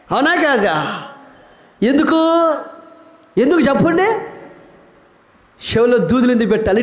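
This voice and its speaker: A man preaching a sermon as pastor, asking the crowd questions and rising to shouts. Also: on the high side. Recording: echoey hall.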